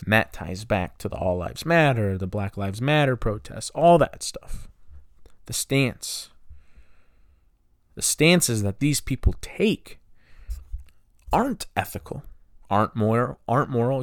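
A man's voice: medium pitch, expressive, measured pace, long pauses, dry recording, clean studio sound. A man in his twenties hosting a solo podcast, talking with frustration and firing off rhetorical questions. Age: 20s. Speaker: podcast host.

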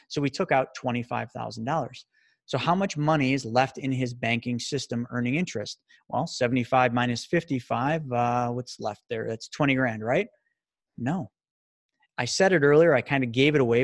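A man giving an energetic sales presentation as a financial presenter. He talks rapidly and excitedly, firing off rhetorical questions. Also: mid-range voice, no echo, clean studio sound.

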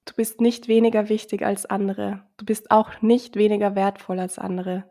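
A woman reads a scripted motivational narration and guided meditation, speaking to the listener in a gentle, encouraging manner. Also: medium pitch, fairly even intonation, normal speed. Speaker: self-love and meditation guide. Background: background music.

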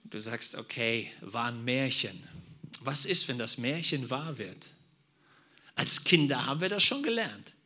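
A man's voice: mid-range voice, big pitch swings, a little slow, sharp tone, slightly rough. A man preaching and praying, talking directly and conversationally to his congregation. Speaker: pastor. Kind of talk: sermon.

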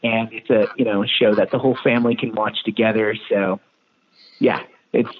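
A man's voice: fairly low pitch, little pitch movement, fairly quick, slight background noise. An American man, a voice actor, giving an upbeat, friendly phone interview with eager energy. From United States. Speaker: voice actor guest. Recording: tinny phone line.

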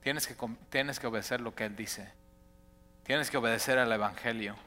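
A male pastor preaching a sermon in a church, animated and acting out his listeners' inner voices. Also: mid-range voice, moderate pace, in a large hall, soft background music.

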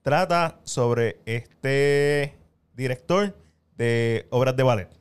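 A man, hosting a podcast and excitedly recommending films in casual chat. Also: medium pitch, extremely slow, smooth. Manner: enthusiastic, recommends films with repeated praise. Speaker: podcast host.

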